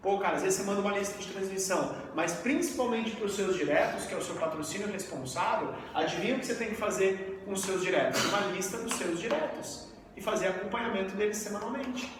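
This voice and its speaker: A man in his thirties from Brazil, giving a lively live training talk and asking the audience questions. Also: high voice, fast talker. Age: 30s. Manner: energetic, asks the audience questions. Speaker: network marketing trainer. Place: event room with audience. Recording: echoey hall, mic far off, faint hiss.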